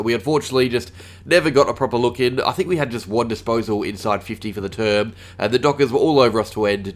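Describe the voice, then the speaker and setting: An Australian man hosts a solo sports review, a little under the weather with a cold. He talks at a brisk clip in a lowish voice and peppers his sentences with "uh" fillers. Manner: rapid, with frequent "uh" fillers. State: a little sick. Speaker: fan channel host.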